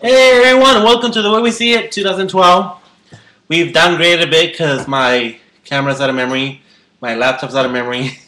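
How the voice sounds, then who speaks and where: A man's voice: on the high side, fairly quick, pushed and bright, reverberant, poor audio. A man in his twenties hosting a casual chat, rambling and restarting his sentences. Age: 20s. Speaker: host.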